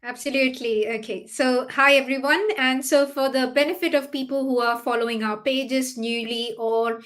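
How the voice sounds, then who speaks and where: Woman guest on a live stream, highish flat voice, steady, bit halting. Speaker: guest, business coach and doctor.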